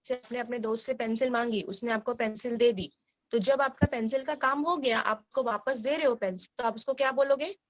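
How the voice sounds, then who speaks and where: A woman teacher giving an online lesson to young children, explaining gently and asking them questions. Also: on the high side, a little fast, poor audio. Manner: acts out short dialogue lines.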